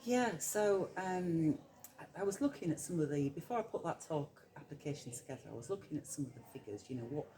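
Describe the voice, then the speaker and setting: A Yorkshire-accented hypnotherapist in middle age chats as an interview guest, her low voice expressive and brisk. She's reflective and conversational, sprinkling in many ums and quiet laughs, though the recording quality is poor.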